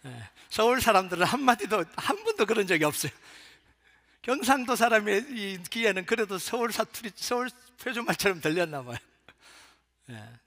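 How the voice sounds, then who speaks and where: A man preaches in a church sanctuary with a light Gyeongsang accent. He tells the story dramatically, dropping to a hush and then rising again. His voice is high and bright, and a long hall reverb trails each phrase. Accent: light Gyeongsang Korean. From Gyeongsang Province, South Korea. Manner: dramatic storytelling, swings between loud and hushed. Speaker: pastor. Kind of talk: sermon.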